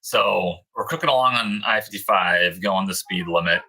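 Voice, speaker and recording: Guy in his 30s, low voice but real bright, rambling story w lots of ums. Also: moderate pace, creaky, low-quality recording. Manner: rambling storyteller, many fillers and restarts. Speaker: co-host of a dog breeder livestream. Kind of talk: casual livestream chat.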